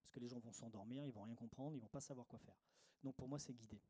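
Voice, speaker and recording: A man's voice: medium pitch, fast talker, dark tone, slightly rough. A middle-aged man giving a workshop talk on meditation to a live audience, didactic, repeating his key phrases with frequent fillers.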